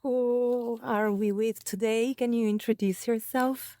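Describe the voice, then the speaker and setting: A woman hosting a podcast, reading the intro and asking questions in a calm, measured way. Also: on the high side. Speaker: podcast host.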